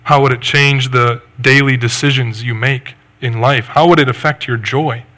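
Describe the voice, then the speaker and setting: A man preaching a sermon, earnest and measured, reading scripture and posing reflective questions. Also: mid-range voice, steady tone, pushed and bright. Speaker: pastor.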